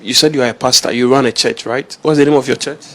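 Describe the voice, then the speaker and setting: A man's voice: mid-range voice, fairly even intonation, quick pace, a bit bright. Man pressing a suspect with pointed questions. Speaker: news reporter questioning a suspect. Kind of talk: confrontational news interview.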